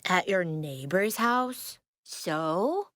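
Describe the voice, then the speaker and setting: A woman's voice: lowish voice, animated, very slow, fairly bright tone, no room sound, studio quality, exaggerated voice. A woman voicing a bossy, teasing schoolgirl in a 1950s radio-style drama. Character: sassy schoolgirl Helen, 1950s city kid.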